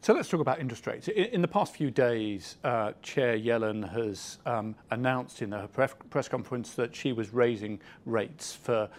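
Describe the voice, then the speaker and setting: Male interview host, medium pitch, formal and slightly hesitant questioning on finance. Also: lively intonation, normal speed, few pauses.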